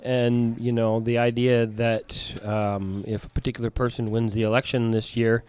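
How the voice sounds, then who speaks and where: Hesitant man with a smooth, dry voice. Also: medium pitch, flat delivery, moderate pace, darkish tone, dry recording. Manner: hesitant, many ums and uhs. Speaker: panelist. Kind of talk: casual panel chat.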